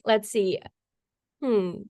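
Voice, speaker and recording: A woman's voice: mid-range voice, extremely slow, warm tone, dry recording, clean studio sound. A young woman moderating a live online workshop over a video call, upbeat and chatty with many casual fillers. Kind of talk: live online event hosting.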